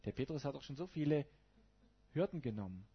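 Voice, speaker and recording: A man's voice: a little high, expressive, fairly quick, slightly rough. A man preaching a sermon to his congregation in a colloquial way, putting rhetorical questions to his listeners. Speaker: pastor. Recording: dull lo-fi recording.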